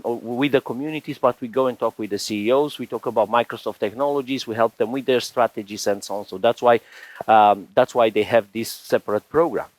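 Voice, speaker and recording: A man's voice: medium pitch, dry recording, low-quality recording. Romanian-born guy in his 40s doing a tech talk on stage, rambly with lots of "you know", dry sound. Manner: chatty, rambling, frequent restarts and "you know" fillers. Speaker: conference speaker. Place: conference stage.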